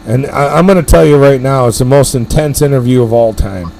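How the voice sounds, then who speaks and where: A middle-aged man with a gravelly, creaky voice, swearing freely as he rambles through a story. He hosts a casual powerlifting live stream and hammers home his points with emphatic words. His pitch sits in an ordinary middle range. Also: a little fast, darkish tone, a little hiss or hum.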